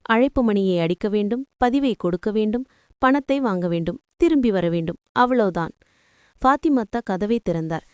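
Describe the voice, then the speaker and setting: A woman narrating a story in a calm, measured, emotive reading. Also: mid-range voice, clean tone, no room sound, clean studio sound. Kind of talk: scripted narration.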